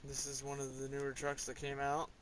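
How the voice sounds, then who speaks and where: Laid-back male gamer, rambling and hesitant, ordinary pitch, faint noise behind. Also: monotone, brisk, fairly bright tone, poor audio. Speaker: gamer showing his garage. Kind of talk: casual gameplay commentary.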